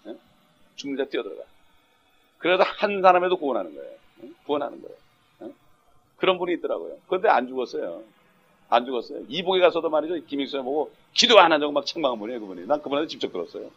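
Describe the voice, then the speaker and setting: A man's voice: mid-range voice, very animated, racing, fairly bright tone, breathy edge. A male pastor preaching a sermon emphatically, often breaking in with a questioning "eh?" to the congregation. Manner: emphatic, punctuates with rhetorical "eh?". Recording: dull lo-fi sound.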